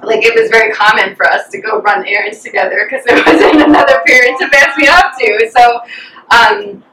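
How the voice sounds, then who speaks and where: A young American woman, appearing as an interview guest, tells casual personal stories and reflects on her life, using lots of fillers. Her fairly high voice moves at a moderate pace, and she sounds distant from the mic in a roomy, echoing space with a crowd behind her.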